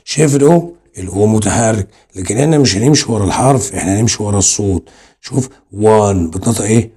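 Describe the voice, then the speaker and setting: A man's voice: on the low side, fast talker, mellow, slightly rough. A man with an Egyptian Arabic accent teaching English grammar online, explaining step by step and asking and answering his own questions.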